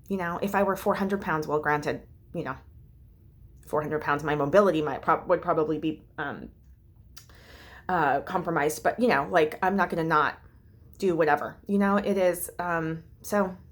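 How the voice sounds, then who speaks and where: A woman vlogging a heartfelt, rambling personal update, full of fillers and restarts and close to tears at times. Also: on the low side. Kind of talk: casual vlog update.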